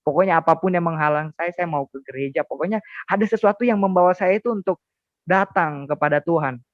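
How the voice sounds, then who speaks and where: A young man giving an emotional personal testimony as an interview guest, often halting and repeating words as he tells it. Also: a little high, no room sound, phone-quality sound. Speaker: guest sharing a conversion testimony.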